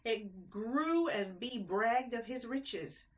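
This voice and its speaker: A fairly high-pitched woman reads a rhyming children's picture book slowly and expressively. Along the way she makes chatty explanatory remarks and asks her young listeners easy questions.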